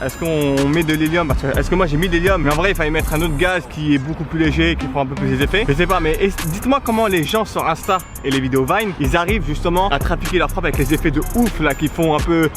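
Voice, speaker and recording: A young man with a fairly high voice presents a football vlog at a quick pace. His delivery is casual, slangy and exclamatory. Music plays clearly behind his outdoor commentary.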